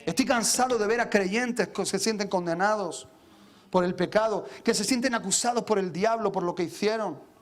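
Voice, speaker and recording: A pastor preaches in a high, ringing voice. He speaks with fervor, calling out to his brothers in the congregation, and stutters over repeated words when he pushes hardest. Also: moderate pace. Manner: impassioned, addresses listeners as brothers, repeats words when fired up. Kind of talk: sermon.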